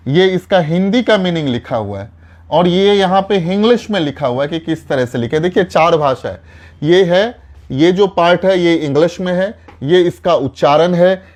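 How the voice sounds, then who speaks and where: Man teaching English tenses, slow examples. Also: a little high, darkish tone. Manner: switches to slow, deliberate English for example sentences; asks himself questions and answers them. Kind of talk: spoken English lesson explaining tenses.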